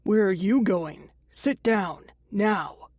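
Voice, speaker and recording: A woman's voice: mid-range voice, slow, no echo, clean studio sound. A woman voicing a furious young man with a shotgun. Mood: angry. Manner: shouting, accusing.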